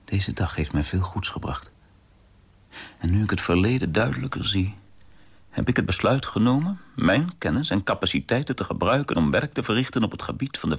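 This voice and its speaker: A man with a very low, gravelly voice reads a first-person diary novel for radio. His tone is husky and introspective, often sinking to a breathy near-whisper. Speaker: narrator reading a diary-form novel.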